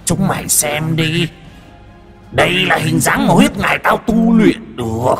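A man voicing an evil old male sorcerer fused with a demon spirit, speaking in a demonic, echoing voice and making slow, gloating threats. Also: fairly high pitch, sing-song, a bit bright, breathy edge, faint music behind, voice pushed up, full character voice. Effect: demonic voice with heavy echo. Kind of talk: horror story narration.

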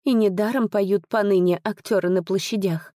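A woman's voice: medium pitch, fairly even intonation, normal speed, mellow, dry recording, studio quality, lightly acted. A woman voicing a wry, worldly lady who speaks in a knowing, lilting way in a storybook reading. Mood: musing.

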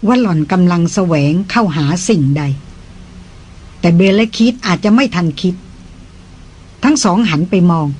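An audiobook narrator giving a steady, measured scripted reading of a novel. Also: mid-range voice, a little hiss or hum, low-quality recording.

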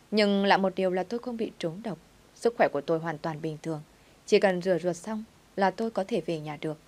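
A woman narrating a dramatic story in the first person with an even, steady reading. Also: lowish voice.

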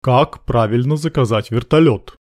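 A man's voice: medium pitch, normal speed, a little mellow, no echo, natural voice. A man voicing a cool, commanding male major with dry irony in an audiobook. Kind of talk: audiobook narration.

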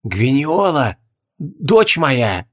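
A man voicing the ghosts of a dead king and queen, speaking in a hushed, reproachful whisper. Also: fairly high pitch, very animated, unhurried, pitched above the performer's own voice, full character voice. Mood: eerie. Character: eerie whispering ghosts of dead royal parents, accusing.

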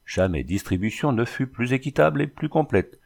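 A man reading an adventure novel aloud with a lively, dramatic delivery. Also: mid-range voice, normal speed, vocal fry. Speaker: audiobook reader. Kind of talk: storybook narration.

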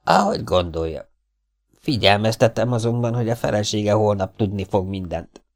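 A man's voice: lowish voice, natural voice. A man reading as a smug blackmailer. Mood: menacing. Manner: smooth, menacing persuasion. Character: scheming male blackmailer, smug and threatening. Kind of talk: audiobook character voice.

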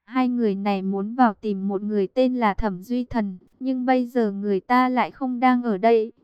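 A woman's voice: on the high side, fairly even intonation, normal speed, clean tone, no room sound, highs cut off, lightly acted. A woman reading an audiobook and voicing a stern, weary older security guard. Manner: stern, irritated.

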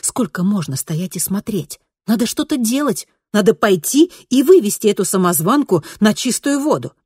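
A woman voicing a frightened teenage girl who cries out in panic, shrill and desperate. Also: sing-song, extremely slow, fairly bright tone, breathy edge, no room sound, clean studio sound, exaggerated voice. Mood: panicked.

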